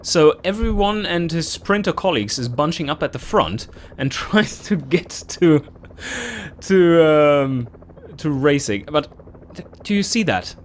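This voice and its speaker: A man hosting a let's play, commenting casually on his gameplay, animated and quick to swear and laugh in frustration. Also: a little high, slight background noise.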